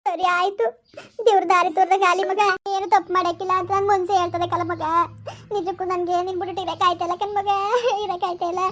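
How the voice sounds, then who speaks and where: A tender, fretful old village mother, acted by a woman, with a lilt. Her voice sits very high and the words tumble out quickly as she fusses and consoles, leaning on God in every other breath. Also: flat delivery, a bit bright. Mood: consoling. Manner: fussing and consoling, invoking God. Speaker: mother of a banished son.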